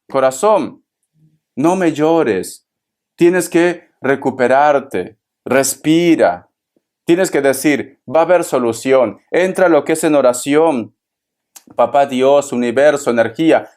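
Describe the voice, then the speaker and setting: Animated man giving a tarot pep talk. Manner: affectionate, coaxing, calls listener cariño; lively pitch swings, emphatic. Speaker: tarot reader. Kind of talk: motivational tarot reading.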